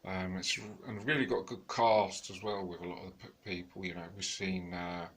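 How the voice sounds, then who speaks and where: A man's voice: low voice, steady tone, a little fast, breathy edge. A man giving a rambling, casual film review, full of fillers and restarts, tired and yawning. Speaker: home video reviewer.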